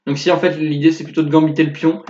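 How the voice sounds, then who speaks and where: A young man casually commenting on one of his own chess games, thinking aloud with fillers and quick self-corrections. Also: on the high side, little pitch movement, a little mellow. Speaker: chess youtuber analyzing his own game. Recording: echoey, dull lo-fi sound.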